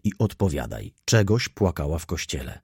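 A man's voice: rumbling low, big pitch swings, moderate pace, breathy edge, no room sound, clean studio sound, full character voice. A man voicing a brooding, stern middle-aged merchant who speaks in a grave, terse, commanding way.

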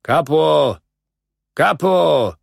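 A man voicing a gruff German camp foreman who barks clipped commands in broken Polish. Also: medium pitch, sing-song, extremely slow, a bit bright, dry recording, clean studio sound, pitched above the performer's own voice, full character voice. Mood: barking.

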